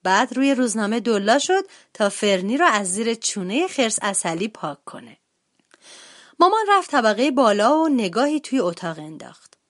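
Lively woman reading a children's story. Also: fairly high pitch. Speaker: translator and storybook reader.

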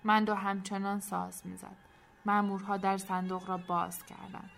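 Expressive woman narrating a story. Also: medium pitch, gravelly, soft background music.

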